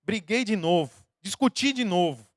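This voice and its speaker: High-voiced Brazilian pastor preaching. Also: male voice, normal speed, no room sound, clean studio sound. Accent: Brazilian Portuguese. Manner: lively preaching with rhetorical questions to the congregation. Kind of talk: sermon.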